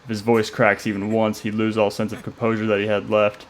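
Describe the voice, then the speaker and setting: A man reads a dark story aloud with a low voice that barely rises or falls. His delivery is steady and measured, calm even through tense scenes. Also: slight background noise. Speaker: narrator. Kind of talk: scripted story narration.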